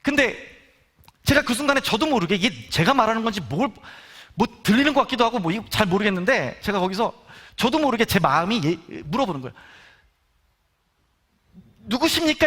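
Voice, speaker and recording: A man giving a testimony sermon at a prayer meeting, telling his story in an animated way and acting out what people said. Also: high voice. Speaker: guest speaker at prayer meeting.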